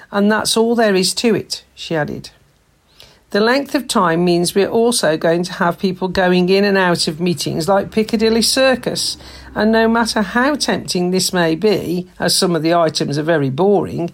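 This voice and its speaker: A woman reading local council news aloud in a steady, read-aloud manner. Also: mid-range voice, vocal fry. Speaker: news reader.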